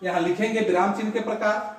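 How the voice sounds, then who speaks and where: A man teaches a grammar lesson in a classroom, working through examples slowly and repeating each one. His voice sits high. It reaches the mic from a distance, wrapped in heavy room echo. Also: fairly even intonation. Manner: slow, repetitive explaining with examples. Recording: very echoey room, voice from far off.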